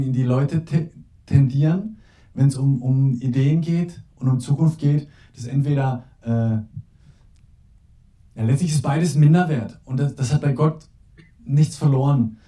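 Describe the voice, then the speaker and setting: A man preaching an earnest, pastoral sermon, turning to a soft, quiet call to prayer. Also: medium pitch, normal speed. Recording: echoey room, mic at a distance.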